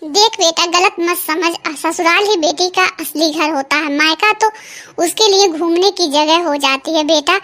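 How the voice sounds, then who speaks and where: Cartoon mother, voiced by a woman, fretful, scolding, very high-pitched, bright. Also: measured pace, heavily acted. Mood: coaxing. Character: fretful middle-aged Indian mother. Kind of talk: cartoon story voice acting.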